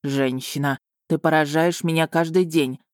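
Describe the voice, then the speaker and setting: A brooding male dragon lord from an audiobook, low-pitched and clipped, as a woman reader puts him on. His few words come out guarded and heavy. The voice is recorded dry and close, with no room sound. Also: steady tone, normal speed, dry recording, lightly acted. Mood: bewildered. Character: stern male dragon ruler, brooding and possessive. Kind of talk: audiobook character voice.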